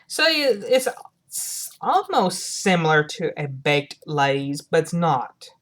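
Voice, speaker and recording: A woman with a low-pitched voice talks through a casual product review for her viewers. Her delivery is halting, as she repeats and rewords phrases while she goes. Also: big pitch swings.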